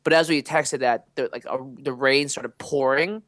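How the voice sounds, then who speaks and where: A young man co-hosting a podcast, telling animated, rambling stories in casual chat with lots of fillers. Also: mid-range voice, moderate pace, dry recording. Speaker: podcast co-host.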